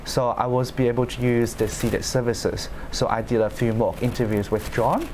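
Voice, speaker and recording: An earnest young man from China, a law student, answers questions on a panel. He speaks at a normal pace in a mid-range voice, steady and sincere, with small grammar slips, and there's slight background noise.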